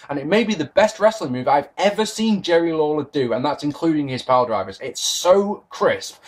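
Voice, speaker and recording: A British man in his thirties giving a sarcastic, sweary wrestling review to a webcam in his bedroom. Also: fairly high pitch. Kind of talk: casual video review. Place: bedroom with posters, indoors.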